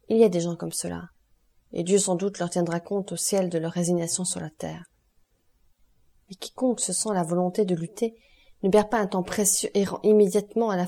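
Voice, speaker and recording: A woman's voice: fairly low pitch, mellow. A woman voicing a passionate young man in an audiobook, speaking earnestly and urgently. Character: young man, ardent, passionate, desperate lover. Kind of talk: audiobook character reading.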